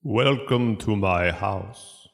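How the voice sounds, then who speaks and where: A low-pitched old vampire count, speaking in a long cavernous reverb. He is courteous but cruel, drawing out each phrase with theatrical menace in a gothic audio drama. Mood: grandly welcoming. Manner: slow, deliberate, theatrical delivery.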